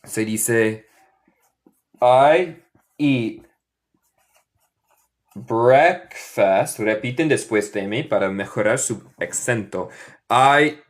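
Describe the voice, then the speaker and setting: An American man with a Northern US accent, a native English speaker, teaching English in Spanish with slow, drawn-out model phrases in a live online lesson. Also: medium pitch. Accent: Northern US (Michigan). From United States. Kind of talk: live online lesson, reading chat questions.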